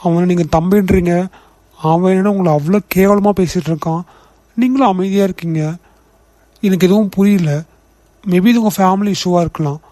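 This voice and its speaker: Brief: man playing a protective cartoon CEO, higher voice yet mellow, firm and lecturing, dry close sound. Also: moderate pace, long pauses, dry recording, close to an everyday voice. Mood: urging. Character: young male office boss, protective and outspoken. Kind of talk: cartoon voice acting.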